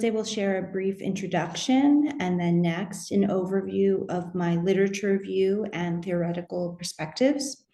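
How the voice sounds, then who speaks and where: Measured woman presenting in a roomy space. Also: medium pitch, mellow. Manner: measured, methodical, occasional fillers and restarts. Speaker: academic researcher presenting at a symposium. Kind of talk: conference presentation. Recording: roomy echo.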